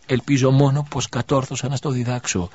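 A faint, pleading widow on the edge of death, as a male audiobook reader puts her on. Her voice rides higher than the reader's own and stays husky and tender. The recording sounds dull and lo-fi. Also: little pitch movement, a little mellow, close to an everyday voice. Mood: tender farewell. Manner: faint, pleading, breathy delivery. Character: dying widow mother, weak and tender.

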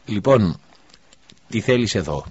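A commanding male governor who calls out his questions louder and higher than the storyteller's own voice. A man voices him in a spoken storybook. The recording sounds dull and lo-fi. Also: lively intonation, slightly rough. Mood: demanding. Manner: raised, demanding questions.

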